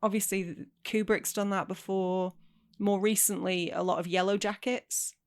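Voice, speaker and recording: A woman's voice: medium pitch, steady tone, normal speed. A woman co-hosting a film podcast, chatty and thoughtful, laughing easily. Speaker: podcast co-host. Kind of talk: casual chat.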